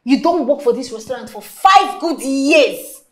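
An actress playing a jealous, scornful Nigerian waitress gossiping in a film drama. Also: female voice, high-pitched, lively intonation, unhurried. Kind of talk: film drama dialogue in Pidgin.

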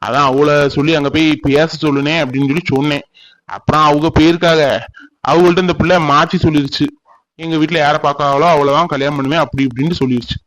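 A man's voice: on the high side, steady tone, fairly bright tone, natural voice, low-quality recording. A man voicing a heartbroken, lovesick young village man, speaking in a mournful, pleading way. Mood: troubled. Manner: mournful, pleading, slow and tearful. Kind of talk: cartoon voice acting.

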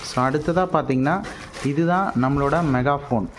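This Tamil Nadu-accented product reviewer talks at a normal speed in a mid-range voice, giving casual explanations in an unboxing vlog and mixing English words into his speech. A noticeable steady noise runs underneath.

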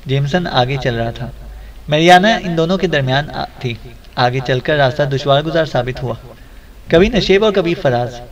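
A man narrating an adventure novel as an audiobook, in a steady, even storytelling voice. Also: fairly high pitch, moderate pace, highs cut off.

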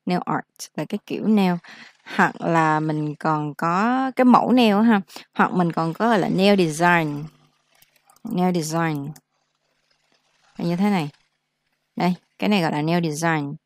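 A woman gives a casual vocabulary lesson in a lowish voice. She speaks slowly and repeats each word so learners can follow. The sound is dry and close. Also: no room sound. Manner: explains slowly, repeats words for practice. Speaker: English teacher.

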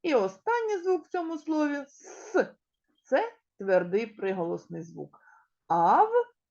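A woman with a Ukrainian accent talks to a class of small children at a very slow, careful pace. Her pitch swings widely as she stretches out single words and asks the children questions. The recording sounds dull and lo-fi. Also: huge pitch swings, dark tone. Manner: slow, clearly articulated, stretches key words; addresses children directly and asks them questions. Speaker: kindergarten teacher. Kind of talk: recorded preschool literacy lesson.

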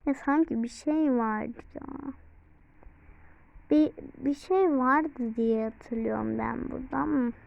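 A young woman chatting casually as she plays a mobile life-sim game, excitable and apologetic, often exclaiming. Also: high voice, slow pace, gravelly. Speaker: game vlogger. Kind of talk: casual let's-play commentary. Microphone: phone. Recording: tinny phone-like recording.

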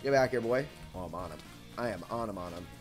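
A young man commentating on his gameplay as a hyped gamer bro, excitable and slangy, often repeating short phrases. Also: lowish voice, fast talker, soft background music. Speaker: gaming video host.

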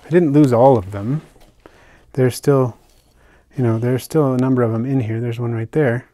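Older man, mid pitch, easygoing chatty vlog narration with fillers, dry close tabletop recording. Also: normal speed, no echo. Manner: relaxed, chatty, with fillers and soft asides. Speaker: isopod keeper unboxing purchases. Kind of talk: casual hobby vlog narration. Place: indoors at a table, hands on camera.

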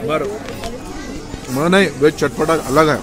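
A man's voice: a little high, measured pace, over music. A man casually narrating a food vlog over dinner, chatting freely and dropping blessings between comments, in a busy restaurant. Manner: chatty, sprinkles in religious blessings. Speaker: vlogger. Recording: noisy crowded restaurant. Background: loud crowd chatter.

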